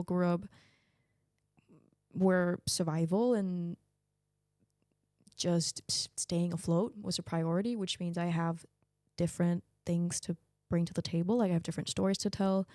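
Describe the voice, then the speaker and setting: In a casual interview, a young Danish woman speaks as a guest in a lowish voice, candid and animated and laughing often. The recording is dry and of studio quality.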